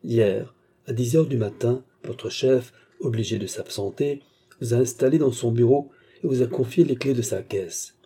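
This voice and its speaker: A man's voice: mid-range voice, normal speed, warm tone, breathy edge, natural voice. A man voicing a stern older examining magistrate who questions formally and severely, in an audiobook.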